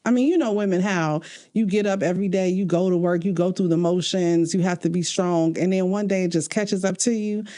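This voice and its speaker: A woman co-host talks through marriage and faith in an earnest, easy way, often breaking into laughter. Her voice sits a little low and sounds warm and mellow rather than bright. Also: fairly even intonation, brisk, hardly any pauses. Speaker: podcast co-host. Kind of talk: casual relationship talk.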